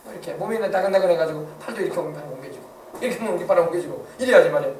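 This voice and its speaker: A man pastor preaching a sermon, emphatic, swinging between hushed passages and loud exclamations. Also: sits high, racing, slight background noise. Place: church sanctuary. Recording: echoey church sound from a distance.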